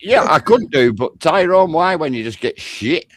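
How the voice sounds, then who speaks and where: A man's voice: on the high side, very animated, moderate pace, dry recording. A man, a guest in casual chat, talking in a blunt, offhand way and swearing.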